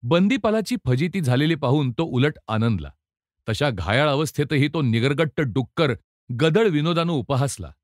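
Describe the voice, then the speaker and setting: A male storyteller reading a novel aloud with a very lively, animated delivery and a slightly high voice. His narration is theatrical and expressive, and the sound is dry and close, with no room echo. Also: normal speed. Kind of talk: dramatic audiobook narration.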